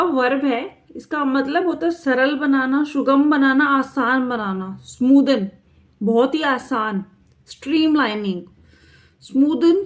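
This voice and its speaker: A woman with an Indian accent leads an exam-prep vocabulary lesson, saying each word again and again. Her voice sits high, and she keeps an unhurried pace. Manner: slow, drilling repetition of words. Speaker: English vocabulary teacher.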